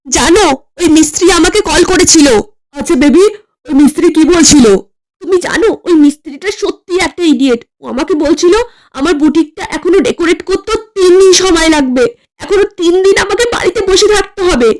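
A woman doing a shrill, dramatic young wife. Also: fairly quick, darkish tone. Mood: bossy. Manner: shrill, dramatic, sprinkles English phrases. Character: fussy, fashionable young wife. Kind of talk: comic cartoon voice acting.

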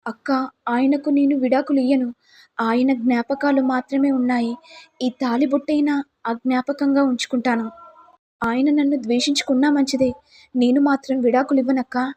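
A meek young wife, devoted and heartbroken, voiced by a woman narrator. Her high voice is husky and soft-edged, with a dark, mellow tone, in a spoken family drama retelling. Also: flat delivery, moderate pace. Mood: sorrowful. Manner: pleading, sorrowful.

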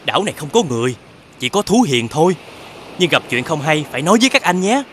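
A lively, worried young prince from a cartoon fairy tale. His slightly high voice swings widely as he asks anxious questions. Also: quick pace, a little hiss or hum.

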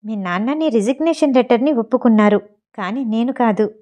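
A woman voicing a furious, scheming wealthy mother in an audio story, talking in quick, heated bursts. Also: a little high, expressive, warm tone, muffled recording, lightly acted. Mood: angry.

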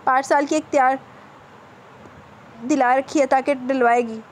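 A woman's voice: high-pitched, fairly even intonation, a little slow, slight background noise. A woman voicing a strict, scolding old grandmother who heads the household. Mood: stern. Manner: curt, scolding, unbending.

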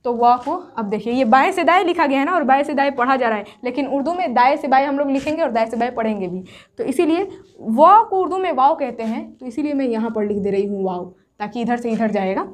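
A woman teaching Urdu script step by step, patient and repetitive. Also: sits high. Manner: patient, repeats each point slowly. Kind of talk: step-by-step whiteboard lesson.

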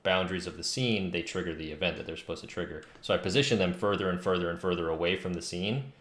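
A man in his thirties thinks aloud in a casual, informal way while livestreaming his game development work from a room at home. His voice is low-pitched, fast and a bit bright. The recording has a roomy echo and faint noise, with keyboard typing and clicks in the background.

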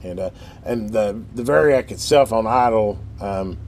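Unhurried and lowish, with a darkish tone, this middle-aged man's voice carries over workshop noise in a metal building. As host of a radio repair channel, he rambles through hands-on repairs in a casual, folksy, think-aloud style.

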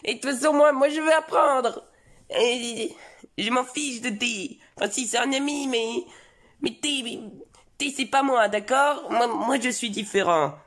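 A man's voice: extremely high pitch, a little slow, fairly bright tone, voice pushed up. A man voicing a whiny, stubborn young Bowser child in a comedic fan parody. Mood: insistent. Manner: whiny, insistent.

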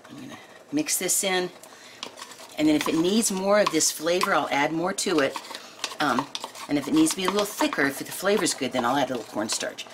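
A woman in her sixties hosts a home cooking channel, chatting casually in a low-pitched voice in her home kitchen. She is homey and chatty, with many pauses and ums, and the noisy recording picks up clinking dishes and pans.

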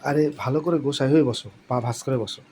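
A man with a mid-pitched voice plays a husband in a comedy sketch, coaxing and urging in low, hushed tones. Clear background noise runs under his voice. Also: racing. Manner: hushed, coaxing whisper-like talk. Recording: noisy background.

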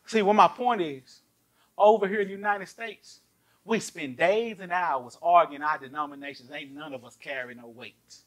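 A male pastor, preaching a lively sermon and firing rhetorical questions at his congregation. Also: on the high side, moderate pace. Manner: animated, asks the congregation many rhetorical questions. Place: church.

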